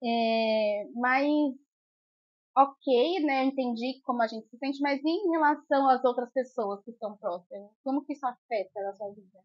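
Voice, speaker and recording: A woman in her thirties chats casually on a podcast, her voice sitting high. She tells stories with energy, acting out what people said. The sound is dry and somewhat dull. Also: moderate pace, no room sound. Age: 30s. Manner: animated storytelling, acts out quotes with rising pitch. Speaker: podcast co-host. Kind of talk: casual chat.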